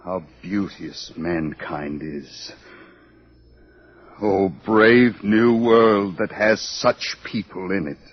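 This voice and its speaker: A man's voice: low-pitched, extremely slow. A man playing an earnest, tormented young idealist in an old-time radio drama, speaking in a fervent, poetic, theatrical way. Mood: bitter, poetic. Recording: dull, lo-fi old radio recording.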